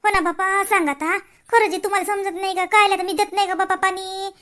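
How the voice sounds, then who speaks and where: Very high-voiced, chattering old grandmother. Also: little pitch movement, fairly quick, fairly bright tone. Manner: chattering and complaining. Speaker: comedy sketch actor. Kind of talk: rural comedy sketch.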